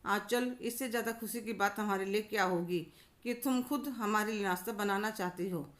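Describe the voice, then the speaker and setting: This is a gracious widowed mother-in-law, voiced by a woman narrator, gentle and affectionate in every word. Her voice sits at an ordinary middle pitch. It is a spoken storybook reading. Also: normal speed, lightly acted.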